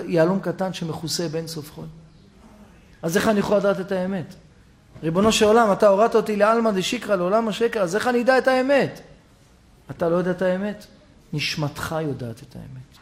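A man with a high voice leads a religious lesson as a storyteller. He acts out the characters in his tale and builds toward shouted climaxes, then drops back to quiet. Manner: animated storyteller acting out characters, rising to shouts. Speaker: rabbi giving a Torah lesson. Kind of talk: storytelling sermon.

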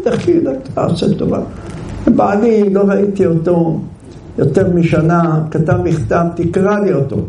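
A man playing a distraught young wife, crying, high and shrill; heard from a distance. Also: dark tone, lightly acted. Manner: wailing, pleading. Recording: roomy, distant, faint background hiss.

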